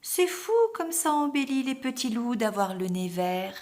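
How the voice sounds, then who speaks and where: A woman's voice: fairly high pitch, expressive, measured pace. A woman voicing a mischievous little boy wolf cub with a cheeky manner.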